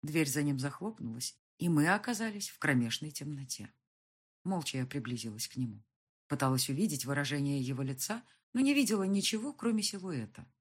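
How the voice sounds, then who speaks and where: A woman narrating a first-person story in an expressive, emotional reading. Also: rumbling low, slightly rough.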